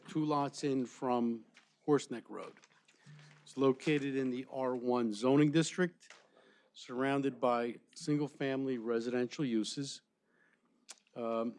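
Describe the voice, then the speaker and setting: A man's voice: mid-range voice, darkish tone. A man testifying formally as an engineering and planning expert at a public hearing. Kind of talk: formal testimony describing a site plan. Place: public board meeting room.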